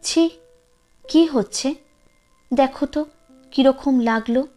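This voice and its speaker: A woman voicing a middle-aged husband who speaks softly to his wife, then scolds her, in a storybook reading. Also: high-pitched, slow, faint music behind. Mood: gentle.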